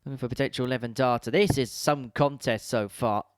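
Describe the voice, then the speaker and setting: A man giving measured, descriptive commentary on a darts match. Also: mid-range voice, slight background noise.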